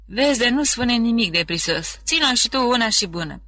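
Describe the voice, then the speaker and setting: A reader voicing a severe old woman prisoner with a hoarse voice. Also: medium pitch, animated, pushed and bright, voice pushed up. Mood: urging. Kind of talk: audiobook character reading.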